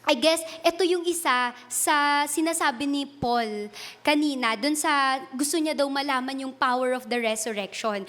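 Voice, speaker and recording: High-voiced Filipino woman preaching. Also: normal speed, fairly bright tone. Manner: earnest, switching between Tagalog and English; retells a personal story with laughs and self-corrections. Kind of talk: sermon.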